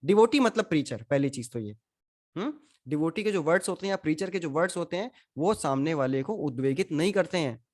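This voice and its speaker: A man leads a scripture class in a steady, conversational voice. He keeps asking his listeners questions and drops English phrases into his explanations. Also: on the high side. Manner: questions the audience, mixes in English. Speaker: spiritual teacher. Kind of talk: Gita class lecture.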